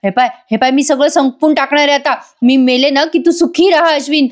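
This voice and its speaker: A woman voicing a desperate, melodramatic young woman with a shrill, wailing delivery. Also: brisk, lightly acted. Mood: hysterical.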